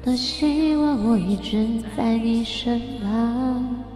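A woman livestream host singing karaoke slowly and softly, her voice drowned in a heavy cathedral-like echo. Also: fairly high pitch. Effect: heavy cathedral-like echo on the mic. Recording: echoey karaoke mic with long reverb, backing music.

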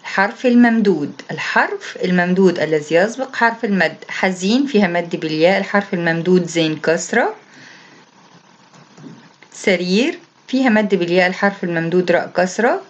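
A woman's voice: fairly low pitch, lively intonation, fairly quick, highs cut off. A woman teacher with an Egyptian Arabic accent explaining a lesson for young pupils, reading out each task and then going through it patiently. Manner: patient and repetitive, reads each instruction aloud, then explains it. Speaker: primary school Arabic teacher. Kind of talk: recorded classroom lesson explanation.

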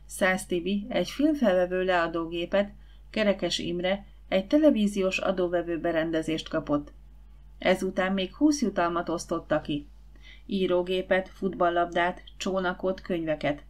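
Woman reading a children's audiobook. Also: fairly low pitch. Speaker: audiobook narrator.

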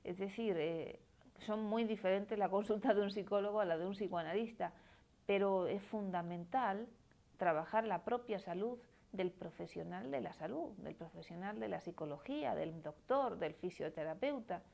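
A woman's voice: mid-range voice, normal speed, vocal fry, darkish tone. A woman in her forties from Málaga, with a southern Spanish accent, talking as a psychoanalyst in a live stream and answering viewers' comments in an explanatory way, often ending with a questioning "¿no?". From Spain. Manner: explanatory, tags phrases with questioning "¿no?".

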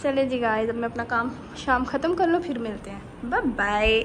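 A woman's voice: fairly high pitch, animated, fairly quick, background noise. A young woman chatting casually to viewers and walking them through her chores and cooking, step by step. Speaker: vlogger. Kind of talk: casual chatty vlog narration. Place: apartment kitchen and laundry area, indoors.

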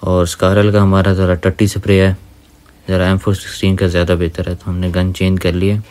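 A man's voice: sits low, completely flat delivery, brisk, a little mellow. A man giving casual gameplay voice-over commentary, talking to viewers as brothers. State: dry throat from talking. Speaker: gaming YouTuber. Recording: faint gunfire under the voice.

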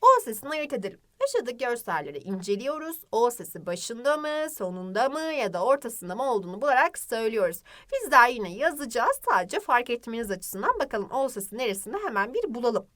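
A young woman teaching a children's phonics lesson, drawing out words and asking the class questions in a lively, sing-song way. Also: a little high, fast, few pauses. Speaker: primary school teacher.

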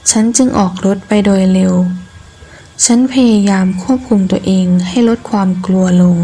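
A woman reading a scripted first-person ghost story in measured, deliberate phrases with pauses. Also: medium pitch, warm tone. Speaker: horror story narrator.

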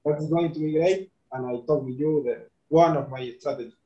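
A young man in his twenties who speaks English as a second language with Spanish as his first, talking haltingly on a video call with many restarts. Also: fairly high pitch, fairly even intonation. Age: 20s. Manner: halting non-native English with frequent restarts and laughs. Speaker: interview guest, trader. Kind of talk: casual video call interview. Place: bright room indoors. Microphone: video call webcam. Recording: roomy, dull webcam sound.

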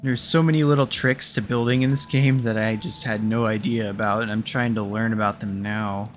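A man's voice: lowish voice, fairly even intonation, fairly quick, soft background music. A young man giving casual, jokey commentary over his factory-building gameplay, swearing freely. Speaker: gaming YouTuber.

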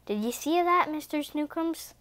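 A woman's voice: high voice, expressive, moderate pace, fairly bright tone, dry recording. A woman voicing a vain, self-important male mayor who boasts and fawns over his pet in a read-aloud storybook. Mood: boastful.

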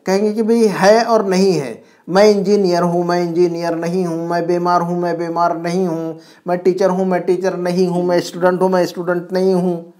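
A man's voice: sits high, level tone, normal speed, a little mellow. Patient male Arabic teacher. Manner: patient, explains and quizzes the student. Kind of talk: online class teaching. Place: home.

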